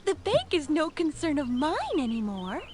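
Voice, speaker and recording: A woman's voice: high voice, huge pitch swings, moderate pace, heavy background noise. An actress playing a cheerful young woman, a former bank clerk who dreams of stardom, in a video game, with a bubbly, giggly manner.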